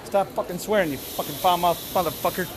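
This podcast host talks quickly, his squeaky, strained voice worn out from yelling as he casually and profanely gushes about the amusement park. He's opinionated and excited, recording on a handheld phone from exit stairs and queues of an outdoor theme park, with crowds and rides loud in the background.

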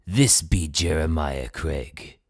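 A man putting on the voice of a hearty pirate greeting his crew, in a slow, drawn-out drawl. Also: rumbling low, slightly rough, dry recording, clean studio sound, exaggerated voice. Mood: jolly.

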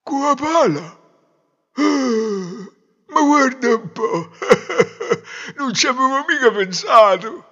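Guy putting on a dopey simpleton, drawly puzzled, highish voice. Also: animated, drawn-out words, bright, forceful tone, long reverb tail, heavily acted. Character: dim-witted simple man, cheerful and slow. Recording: dull lo-fi recording.

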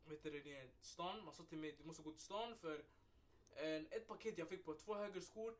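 A young man co-hosting a podcast, chatting casually and telling an animated story full of street slang and swearing. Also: a little high. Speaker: podcast co-host. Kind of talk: casual chat. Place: podcast recording room.

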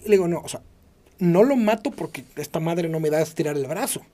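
Mellow-voiced Mexican man telling a story. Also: fast talker. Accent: Mexican Spanish. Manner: animated, swears freely, acts out quoted dialogue with sudden high-pitched outbursts. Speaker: guest telling a personal story. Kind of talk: casual conversational storytelling.

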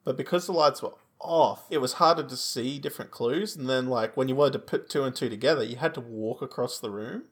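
A man's voice: medium pitch, brisk, hardly any pauses, slightly rough. An Australian man co-hosting a podcast, chatting casually and telling anecdotes. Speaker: podcast co-host.

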